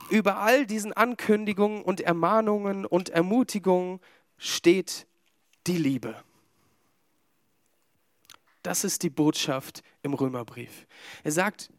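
A man's voice: a little high, dry recording, studio quality. A man preaching a sermon to a small congregation, talking in a conversational way with fillers and humorous asides.

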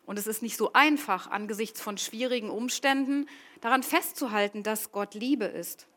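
A woman's voice: a little high, moderate pace, a bit bright. Earnest woman preaching a devotional. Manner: earnest, reads scripture aloud then reflects. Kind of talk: devotional sermon with scripture reading.

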